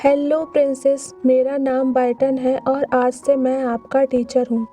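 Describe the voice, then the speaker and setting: A woman's voice: high voice, level tone, measured pace, mellow, faint music behind. A woman voicing a playful, teasing adult male lord who tutors a princess, in a storybook retelling. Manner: teasing, mock-tearful.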